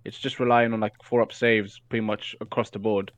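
A man's voice: fairly low pitch, flat delivery, fairly quick. A man speaking as a guest on a casual gaming podcast, breaking down game strategy with frequent fillers and restarts. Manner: hesitant, many fillers and restarts, analytical.

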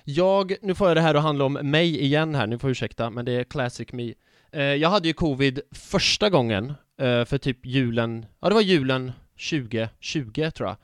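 A young man hosting a casual fan podcast, playful and excitable, often joking about himself. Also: medium pitch, no echo, clean studio sound. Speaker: podcast host. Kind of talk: casual chat.

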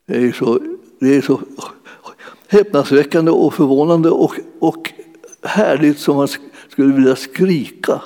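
A man's voice: mid-range voice, warm tone. A man preaching a sermon in a church hall, in a conversational way that keeps searching for words with many fillers. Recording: long hall reverb.

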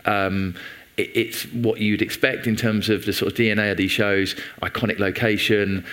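British commissioner, low voice, halting with lots of ums, panel talk. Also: male voice, fairly even intonation, fairly bright tone. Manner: halting, filler-heavy, self-deprecating.

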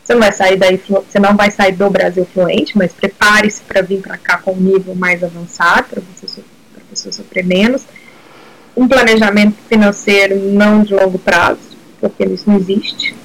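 A woman's voice: mid-range voice, steady tone, moderate pace, vocal fry, rough recording. A middle-aged woman from Brazil, a guest in a casual interview, talking hesitantly with many restarts and mixing in English words.

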